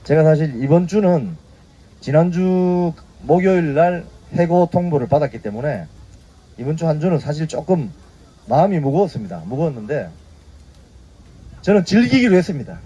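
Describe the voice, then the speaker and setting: A man's voice: on the high side, expressive, normal speed, warm tone, husky, muffled recording. A man in his fifties hosting a casual news briefing, prodding his viewers with short tag questions. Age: 50s. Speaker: YouTube news briefing host. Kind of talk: casual spoken commentary.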